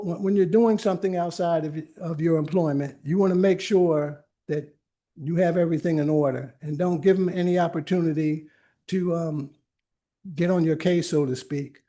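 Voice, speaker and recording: Speaking at a moderate pace with a steady, dark tone on the high side, an older man delivers an informal lecture in a library meeting room. He is an attorney and workshop presenter whose chatty storytelling keeps breaking into restarts and asides.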